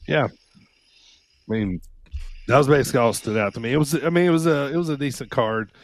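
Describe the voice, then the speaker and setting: A man's voice: mid-range voice, fast talker. A man co-hosting a podcast, talking casually in a rambling way with lots of "you know" and swearing. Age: adult. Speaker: podcast co-host. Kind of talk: casual chat.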